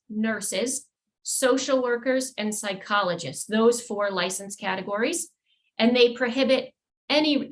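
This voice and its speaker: In a mid-range voice, a woman attorney walks through points in a professional webinar. Her delivery is measured, with the odd filler word and restart.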